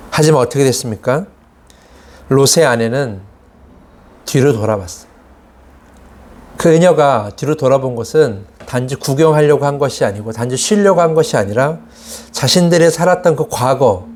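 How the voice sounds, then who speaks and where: Korean pastor preaching, somewhat high voice. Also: male voice, darkish tone. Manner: acts out quoted complaints in a raised voice; asks the congregation rhetorical questions. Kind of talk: sermon.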